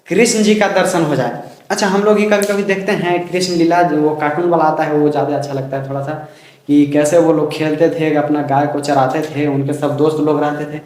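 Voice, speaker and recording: A man teaching a poetry lesson in a casual, chatty way, slowly reciting verses and explaining them line by line. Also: a little high. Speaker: coaching teacher. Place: home room, dog barking outside. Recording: echoey room.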